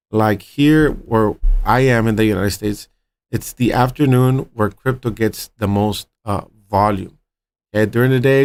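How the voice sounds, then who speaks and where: On his own crypto trading channel, a mid-range-voiced man analyzes charts live for viewers, checking in with them often. He stays upbeat, repeating "all right" and "right" and calling his audience "my friends" and "guys."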